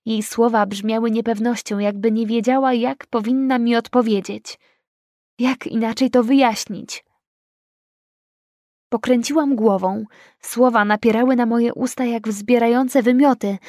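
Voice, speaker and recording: A woman reading a first-person audiobook in a measured, dramatic delivery. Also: on the high side, a little mellow, no echo, studio quality. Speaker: audiobook narrator.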